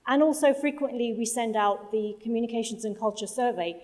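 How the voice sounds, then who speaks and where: Speaking briskly from a conference hall stage, a project manager from London, UK, with Punjabi as her first language, delivers a conference presentation. Her voice is higher-pitched with a darkish tone.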